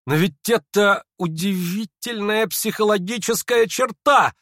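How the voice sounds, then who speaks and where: A man puts on a sick young man in a feverish, hysterical fit, his voice jumping high and sharp. He talks in a shrill, excited rush, laughing strangely, recorded close and dry like a storybook reading. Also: a little slow, no room sound. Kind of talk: audiobook character reading.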